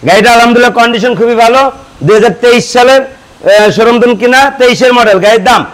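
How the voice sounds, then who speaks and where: A used motorbike salesman with a Bangladeshi Bengali accent and a very high-pitched, somewhat bright voice runs through a showroom pitch. He talks fast in a practised patter, listing selling points and prices one item after another with fairly even intonation. The recording quality is low.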